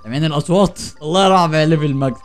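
Faint music runs behind this fairly high-pitched, very fast male voice. A young Egyptian Arabic–accented host of a gaming channel plays a horror game for viewers, joking, jumping at frights, and talking with them.

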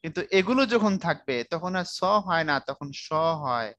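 A man with a fairly high voice gives a relaxed spelling lesson. He speaks informally and keeps asking his students whether they follow. The recording is close and dry, with no room echo. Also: normal speed. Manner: conversational, asks students if they follow, colloquial speech. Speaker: Bangla language teacher. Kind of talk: casual online lecture.

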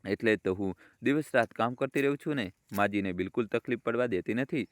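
A man's voice: brisk, no echo, close to an everyday voice. A man voicing a harsh, bossy young wife who mocks and scolds. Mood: sweet-talking. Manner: shrill, mocking, bossy.

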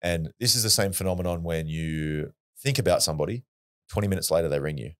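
Very deep-voiced Australian man. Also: fast talker. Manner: blunt, swears freely, earnest. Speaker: podcast guest. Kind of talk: casual storytelling.

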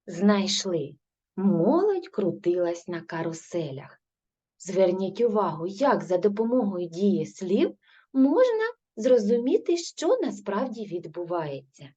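Slow, patient questioning that she answers herself marks this Ukrainian primary teacher's grade-three language lesson. She has a husky, mellow, lively-pitched voice, captured in a dull lo-fi recording.

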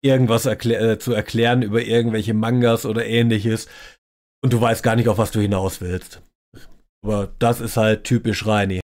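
A man's voice: on the low side, little pitch movement, normal speed, darkish tone. A man hosting a reaction video, giving mocking commentary in a dry, sarcastic tone. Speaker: reaction channel host.

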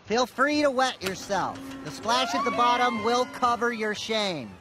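Very high-pitched deadpan ride operator. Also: male voice, measured pace, music in the background.

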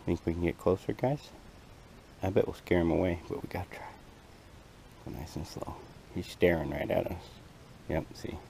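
Low, hushed man watching wildlife outdoors. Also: normal speed, vocal fry, long pauses. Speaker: outdoor camping vlogger. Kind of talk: casual outdoor vlog chat. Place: outdoors on an open rocky lakeshore. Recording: outdoor action camera, insect and ambient noise.

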